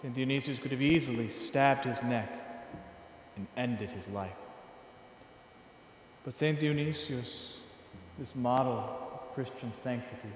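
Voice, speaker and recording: A man in his thirties, a priest, delivering a sermon from a lectern in a large church, with measured, earnest, emphatic phrasing. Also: mid-range voice, a little hiss or hum. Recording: echoey church hall from a distance.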